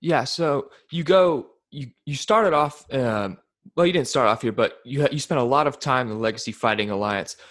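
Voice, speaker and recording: A male host runs a casual interview in a mid-range voice. He keeps it upbeat and relaxed. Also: mid-range voice, moderate pace. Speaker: podcast host.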